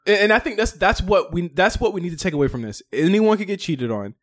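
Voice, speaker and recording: A man with a fairly high speaking voice hosts a casual podcast chat. He teases his friends and laughs often. He talks in quick bursts. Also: expressive. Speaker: podcast host.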